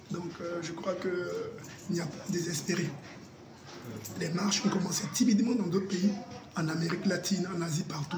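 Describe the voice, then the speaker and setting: A man's voice: high-pitched, roomy sound, noisy background. A man gives political commentary in an emphatic, oratorical way, building points through repetition.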